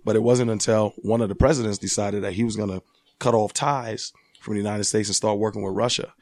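Gym-owner guest from Liberia, forties, lowish voice, dry close sound, laughs his way through stories. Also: a little fast, no room sound. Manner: laughing, animated storyteller. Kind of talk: casual interview.

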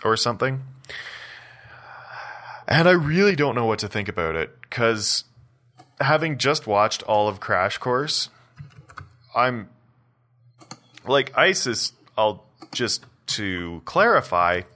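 A man co-hosting a podcast in casual chat, with a wry, joking delivery and quick asides. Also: mid-range voice, big pitch swings, pushed and bright. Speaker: podcast co-host.

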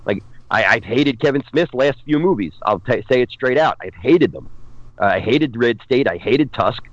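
A man in his forties, a guest film critic chatting on a podcast in an animated, opinionated way. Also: mid-range voice, normal speed, no room sound, lo-fi sound. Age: 40s. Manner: opinionated, animated, acts out quotes in silly voices. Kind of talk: casual podcast chat.

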